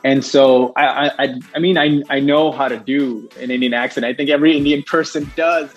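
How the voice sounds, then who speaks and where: A man's voice: medium pitch, steady tone, moderate pace, dull audio, soft background music. A young man talking as an actor guest in a casual interview, rambling with many restarts and frequent laughs.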